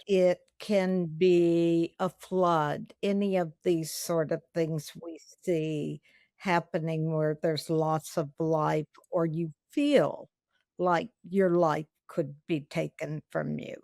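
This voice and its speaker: Southern woman, podcast guest expert, low gravelly voice, unhurried and explanatory. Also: darkish tone, no echo, studio quality. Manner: measured, explanatory. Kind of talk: podcast interview.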